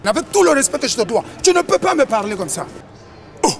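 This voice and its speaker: High-voiced boastful man. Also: very animated, quick pace. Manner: boastful, mocking. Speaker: sapeur. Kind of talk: bragging street banter.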